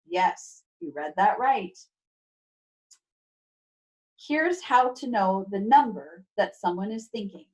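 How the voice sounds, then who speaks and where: In a remote video class, a woman teacher reads a children's book aloud, expressive and instructive, with playful emphasis and casual asides to her pupils. Her medium-pitched voice is a little slow, and the audio is poor.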